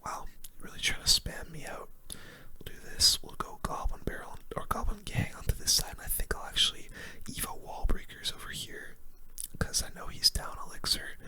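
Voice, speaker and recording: Whispering close to the microphone in a hushed, breathy way, a gaming host talks at normal speed, giving laid-back ASMR commentary and thinking through the game aloud.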